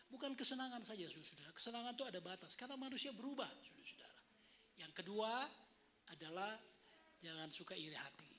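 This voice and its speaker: A man's voice: high-pitched, bright, forceful tone, slight background noise. A man in his fifties preaching a thanksgiving sermon in a chatty, joking way, often calling out to the congregation. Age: 50s. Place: indoor service hall.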